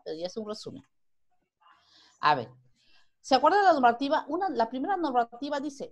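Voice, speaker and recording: A Peruvian woman teaching a primary school grammar lesson online, who asks the class questions and then answers them herself. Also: a little high. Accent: Peruvian Spanish.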